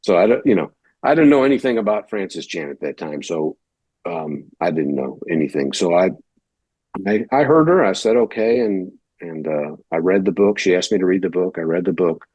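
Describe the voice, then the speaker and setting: A man's voice: deep voice, expressive, moderate pace, darkish tone, slightly rough, dry recording. A male pastor from Detroit, Michigan, telling his story in a casual, rambling interview and acting out the lines of other people. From United States (Detroit, Michigan). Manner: conversational, rambling, acts out quoted dialogue.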